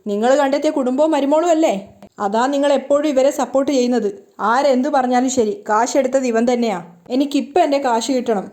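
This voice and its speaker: In her own natural voice, high with a darkish tone and a quick pace, a woman reads out a scornful middle-aged woman's accusations that a boy stole something. She keeps it plain while the mood is accusing.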